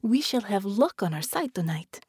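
A woman's voice: medium pitch, sing-song, moderate pace, a little mellow, breathy edge, no room sound, studio quality. A woman voicing a cheerful young female pilot spirit, speaking in a chirpy half-whisper.

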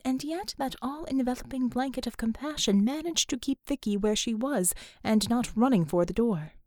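A woman reading a story aloud as an audiobook narrator, unhurried and expressive. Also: a little high, no echo, clean studio sound. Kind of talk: scripted narration.

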